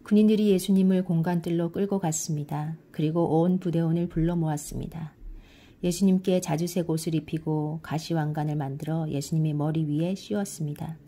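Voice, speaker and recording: A middle-aged woman giving a calm, measured scripture reading, with quoted lines read slightly louder. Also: lowish voice. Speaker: Bible reader.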